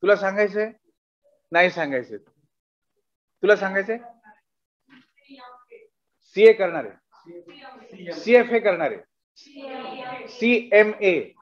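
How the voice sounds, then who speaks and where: High-voiced man, lively college talk. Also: dull audio. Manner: animated, acts out dialogues, asks audience questions. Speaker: guest speaker. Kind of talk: motivational talk to students. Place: college auditorium.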